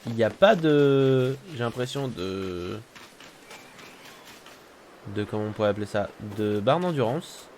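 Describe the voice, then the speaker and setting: A man's voice: medium pitch, expressive, unhurried, pauses often, a little mellow, a little hiss or hum. A man giving casual let's-play commentary with joking, offhand asides. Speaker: gaming streamer.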